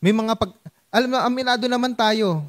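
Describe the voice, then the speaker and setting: A man's voice: high voice, a little fast. A Filipino man preaching a sermon to his congregation in a playful Taglish style, acting out small scenes. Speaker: pastor.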